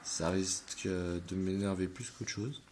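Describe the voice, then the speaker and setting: A man's voice: low voice, fairly even intonation, a little slow, darkish tone, slight background noise. A man talking casually to his viewers as he shows his card binder, hesitant and rambling with many fillers.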